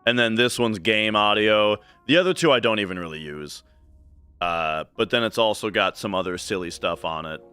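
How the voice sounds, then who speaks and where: Male streamer, casual ramble full of fillers and false starts, bright forward tone, studio mic at a home desk, faint music underneath. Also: lowish voice, normal speed, clean tone, dry recording. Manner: rambling, with many fillers and restarts. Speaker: live streamer. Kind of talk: casual live-stream chat while gaming. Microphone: studio mic through a desk mixer.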